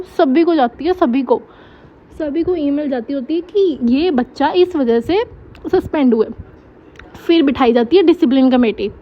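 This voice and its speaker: A young woman telling a college story in a casual storytime, chatty and animated, acting out the dialogue. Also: sits high, lo-fi sound. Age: young adult.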